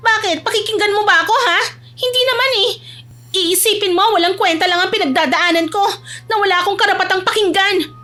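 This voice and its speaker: A woman voicing a rebellious adopted teenage girl who pleads and talks back in a shrill voice. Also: fairly even intonation, brisk, bright, forceful tone. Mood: defiant.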